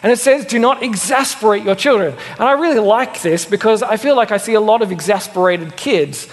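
A young man preaching a sermon in a conversational, animated way with self-deprecating asides. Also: high-pitched, fairly quick. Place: church. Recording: long church reverb.

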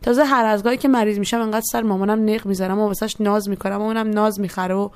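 A woman's voice: mid-range voice, steady tone, darkish tone, smooth, no echo. A young woman narrating a personal story in a reflective, first-person way. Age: young adult. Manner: reflective, quotes others in voiced asides.

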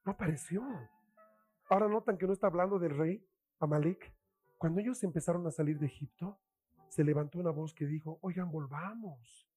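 A man preaching a sermon with a Chilean accent, acting out tempting voices and dropping to hushed whispers. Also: on the high side, a little fast, soft background music. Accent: Chilean Spanish.

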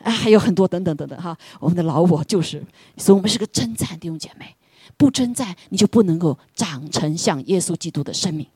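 A middle-aged woman preaches to her congregation with a slightly husky voice. Her delivery swings between lively and soft, full of rhetorical questions. The sound is dry and close. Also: fairly low pitch, fast, no room sound. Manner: animated, rhetorical questions, frequent "对不对". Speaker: pastor. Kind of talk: sermon.

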